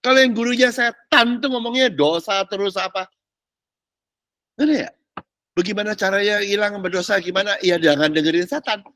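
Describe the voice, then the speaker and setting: A male pastor preaching a sermon, animated and chatty, with mocking asides and casual slang. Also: high-pitched, normal speed, dry recording, studio quality.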